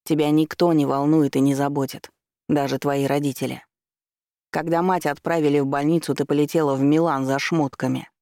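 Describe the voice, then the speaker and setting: A man's voice: a little high, little pitch movement, a little fast, a little mellow, dry recording, studio quality, close to an everyday voice. A man voicing a blunt, irritated young man who speaks in a curt, dismissive way.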